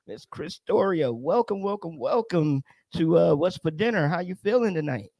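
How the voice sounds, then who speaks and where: A male radio show host talks in a casual, animated way, often laughing and doubling his words. His voice sits a little high, and it sounds close and dry, with no room around it. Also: moderate pace, gravelly, no echo.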